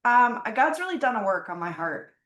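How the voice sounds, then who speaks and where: A woman's voice: on the high side, very animated, a little fast, fairly bright tone. Reflective woman, roomy sound. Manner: open, reflective, faith-centered storytelling. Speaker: podcast guest. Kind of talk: casual conversation. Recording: roomy echo.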